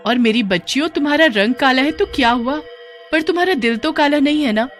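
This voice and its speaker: A woman's voice: high voice, lively intonation, fairly quick, soft background music, voice pushed up. Woman as a loving poor mother. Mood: coaxing. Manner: gentle and encouraging.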